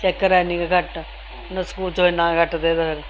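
A woman's voice: on the low side, flat delivery, a little fast, a little hiss or hum, low-quality recording. An older mother answering an interviewer in a plain, weary way.

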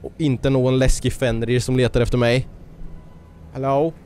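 A man's voice: medium pitch, level tone, darkish tone, slight background noise. A man doing casual let's play commentary, jokey and chatty, tossing in mock-English quips. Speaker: gaming video host.

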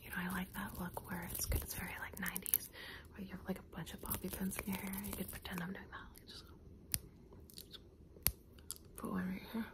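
Softly whispering woman doing ASMR. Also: lowish voice, monotone, fairly quick, long pauses. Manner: soft whispering, gentle and reassuring. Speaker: ASMR creator. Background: passing car.

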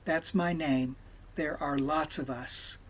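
A man's voice: a little high, fairly even intonation, a bit bright. A man reading as a pleading, tormented demon. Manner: slow, read aloud with little change of voice.

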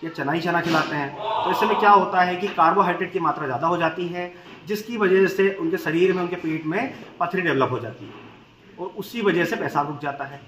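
Man explaining goat care, slightly high voice. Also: a little fast, a bit bright. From India. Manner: explains step by step, repeats key points, addresses viewers as friends. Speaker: goat farmer and channel host. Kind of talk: instructional farming video. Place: large open-sided goat shed, indoors. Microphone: camera at medium distance, standing to camera. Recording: echoey shed with faint ambient noise.

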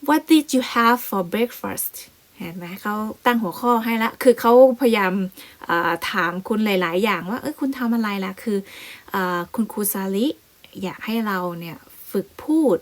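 A woman's voice: medium pitch, normal speed. A woman English teacher explaining a lesson step by step, often repeating words as she goes. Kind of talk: classroom explanation.

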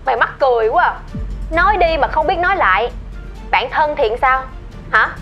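Woman doing cocky young mistress mocking her friend, high voice, kinda dull lo-fi. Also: animated, normal speed, faint music behind. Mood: taunting. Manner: mocking, taunting.

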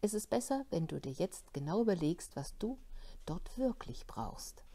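A woman voicing a caring mother in a storybook reading, reassuring and gently firm. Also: lowish voice, big pitch swings, moderate pace. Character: patient, caring mother soothing her son.

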